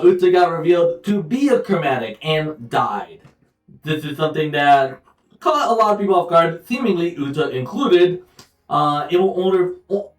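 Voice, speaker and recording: A young man running a tabletop game, casually recapping and setting the scene in a loose, rambling way with frequent pauses and self-corrections. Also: a little high. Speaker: game master. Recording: roomy echo, distant mic, faint music behind.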